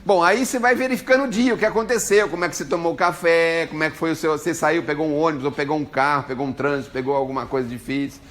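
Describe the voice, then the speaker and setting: A man's voice: on the high side, rapid-fire, hardly any pauses. A man with a Brazilian Portuguese accent giving an informal spiritual talk, joking and chatting with his listeners. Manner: jokey, animated, chats with listeners. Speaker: spiritual lecturer.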